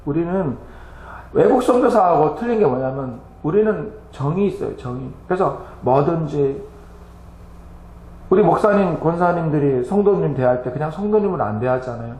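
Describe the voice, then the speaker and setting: Man, missionary giving an emotional church report; higher pitch, echoey sanctuary. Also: moderate pace. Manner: animated, laughing and tearful, exclaiming.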